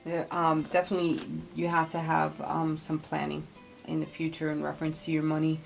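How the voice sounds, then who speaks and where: A woman reading tarot cards in casual spiritual talk, thinking aloud haltingly and advising bluntly. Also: sits low, creaky. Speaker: tarot card reader.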